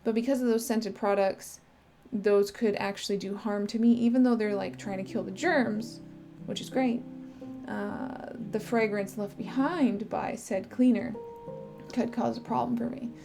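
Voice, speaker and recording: A woman filmmaker talking in a casual podcast monologue. Her voice is strained and she sucks a cough candy as she talks, chatty, with fillers and pauses. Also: on the high side, fairly even intonation, over music. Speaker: filmmaker sharing her experience.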